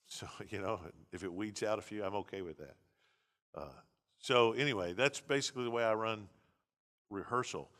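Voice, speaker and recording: Pastor guy lecturing a class, a bit low voice, blunt and chatty. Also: fairly bright tone. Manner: conversational, blunt, many restarts. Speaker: pastor teaching a seminary class.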